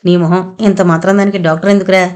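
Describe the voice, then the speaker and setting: A woman voicing a frail, ailing older mother who speaks softly and tenderly, in a storybook reading. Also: lowish voice, level tone, quick pace, natural voice. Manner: soft, tired and tender.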